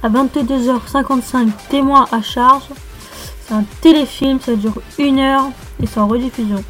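A woman's voice: high voice, fairly even intonation, normal speed, fairly bright tone, faint music behind. A young woman co-hosting a casual radio show, blunt and teasing.

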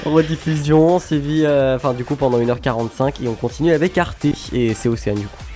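A man's voice: medium pitch, a little fast, a little mellow, soft background music. A young man with a mid-range voice hosts an amateur radio show and runs through the TV listings. He hesitates often and fills the gaps with jokes. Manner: hesitant, full of fillers, jokey. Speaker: radio host. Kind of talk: casual radio chat reading TV listings.

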